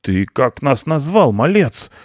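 A man voicing a stout, gruff male field-mouse uncle who blusters. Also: fairly low pitch, a little slow, a little mellow, no echo, studio quality, pitched above the performer's own voice, lightly acted.

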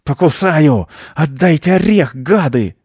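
A man's voice: mid-range voice, expressive, moderate pace, a little mellow, dry recording, clean studio sound, voice pushed up, natural voice. A man voicing a greedy, hysterical female squirrel who shrieks and rants in a storybook reading. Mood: shrieking. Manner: shrieking, frantic, paranoid.

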